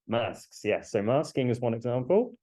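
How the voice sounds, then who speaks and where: A man lecturing to a class through a face mask while he has a cold, explaining in a halting way and putting questions to students. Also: mid-range voice, very animated, dark tone.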